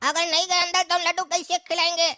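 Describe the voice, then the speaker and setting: Woman playing a short cartoon man, brash, boastful, very high pitch, dry close sound. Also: little pitch movement, fast talker, bright, forceful tone, dry recording. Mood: worried scheming. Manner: cocky, bossy scolding. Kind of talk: cartoon comedy voice acting.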